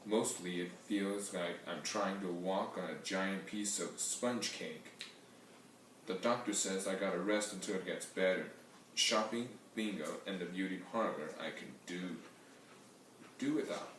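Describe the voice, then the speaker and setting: A man's voice: sits low, unhurried, a bit bright, far from the mic, a little hiss or hum. A man voicing a theatrical, melodramatic older aunt who gushes and wails. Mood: cheerful. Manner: gushing, swooning, wailing. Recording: very echoey room heard from afar.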